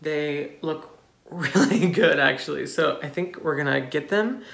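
A man in his twenties chatting casually and excitably to camera as he bakes, giggly and gushing. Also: on the high side, a little slow, gravelly. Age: 20s. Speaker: host of a home baking vlog. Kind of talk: casual chat to camera while baking. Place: home kitchen. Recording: echoey kitchen, clicks and background noise.

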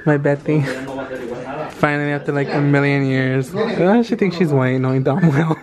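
Playful young man with a highish voice. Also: normal speed, crowd noise. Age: young adult. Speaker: vlogger. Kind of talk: casual vlog chat, slangy. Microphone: camera at arm's length or on counter. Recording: faint room and car noise.

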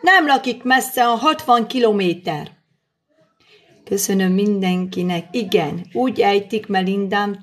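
A middle-aged woman chatting on a live stream while cooking in her daughter's kitchen, answering and thanking viewers as she works. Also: medium pitch. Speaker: livestream host. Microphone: phone camera.

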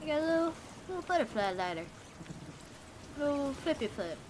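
A woman's voice: sits high, very animated, fairly quick, background noise. A woman streaming a game live, chatting casually and sarcastically, swearing now and then and rambling.

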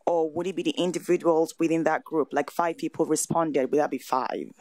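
A woman with a low voice questions presenters at a council meeting, often pausing and rephrasing. Her voice comes through a desk microphone, and the sound is dry. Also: fairly even intonation, a little mellow, no echo. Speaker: city councillor. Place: council chamber.

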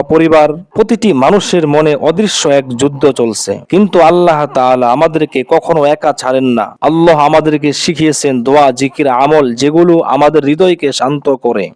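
A man's voice: on the high side, a little mellow, dry recording. Earnest man giving a devotional talk. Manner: earnest, reassuring, preacher-like address. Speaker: Islamic video presenter.

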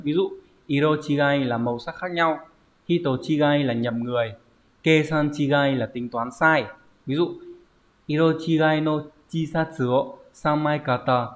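A man teaching a Japanese vocabulary lesson online, explaining step by step and often checking with "right?". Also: a little high. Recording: dull lo-fi recording.

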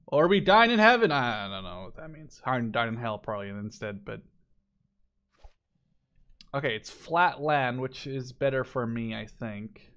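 A Canadian gaming video creator in his twenties rambles through unscripted gameplay commentary, swearing freely while sharing his opinions. His mid-range voice swings widely in pitch, with a measured pace and a fairly bright tone.

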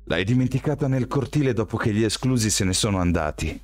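A jittery, defensive teenage boy, as a male reader voices him, pitched well above the reader's own deep voice. His timbre is pushed thin and strange, and he talks in an unsure, edgy manner. An audiobook character voice in a dry recording. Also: expressive, quick pace, dry recording, lightly acted. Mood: nervous. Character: nervous, jumpy teenage boy.

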